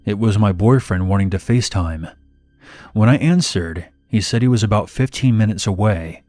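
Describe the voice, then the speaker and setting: A man narrating a horror story in steady first person, scripted. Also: fairly low pitch, moderate pace, no room sound. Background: faint music.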